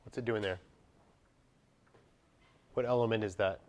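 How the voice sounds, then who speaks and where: In a classroom lecture on music, a man with a lowish, darkish voice speaks steadily and a little slowly. He asks the students questions and sings brief scatted examples to illustrate them.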